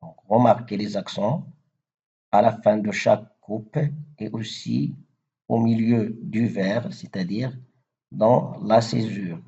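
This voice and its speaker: A man teaching French verse meter, speaking slowly and methodically with frequent fillers. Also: fairly low pitch, steady tone, gravelly, warm tone, husky, highs cut off. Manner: slow, methodical, with repeated fillers. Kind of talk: explaining French poetry meter.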